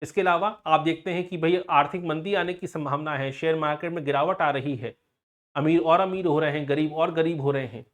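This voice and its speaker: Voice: mid-range voice, steady tone, fairly quick. A sociology teacher giving an online exam-coaching lecture, explaining with everyday examples, asking frequent rhetorical questions and addressing students directly with warnings.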